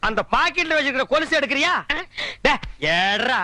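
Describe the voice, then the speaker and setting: A man's voice: very high-pitched, lively intonation, brisk, sharp tone, no echo, heavily acted. An actor playing a sarcastic, scolding village man in a film comedy, speaking. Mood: mocking. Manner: scolding, mocking, sarcastic retorts. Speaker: comic lead in film scenes. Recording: film soundtrack with background music.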